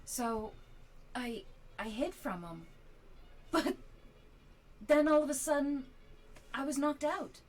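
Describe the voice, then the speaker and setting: A high, lively voice of an anxious American adventurer, voiced by a woman at the table, rambling on with slow, careful phrasing. It sounds bright, over faint background noise. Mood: nervous. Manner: nervous, rambling. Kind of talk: tabletop role-play.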